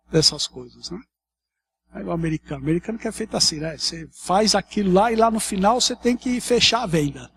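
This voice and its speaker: A man's voice: high voice, a little hiss or hum. A man from Brazil with a São Paulo accent, a pastor preaching a morning sermon in a chatty way, often tacking questions onto his sentences. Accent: São Paulo Portuguese. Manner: conversational preaching, many tag questions, lively shifts. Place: church hall.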